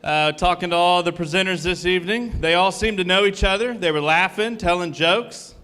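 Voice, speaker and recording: A man's voice: high-pitched, brisk, pushed and bright, smooth. A man hosting a live event on stage, joking with the audience and a little out of breath. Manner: joking, upbeat, addresses the crowd directly. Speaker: event host. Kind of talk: live stand-up style emceeing.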